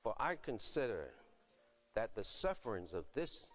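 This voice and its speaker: An older man, a deacon, reading scripture and praying from a podium on a dark church stage in a slow, solemn, measured way. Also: on the low side, very animated.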